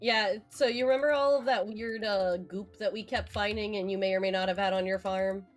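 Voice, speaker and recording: A woman's voice: mid-range voice, steady tone, brisk, faint music behind. A woman playing a tabletop game, chatty, laughing and cursing casually as she retells events. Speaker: player.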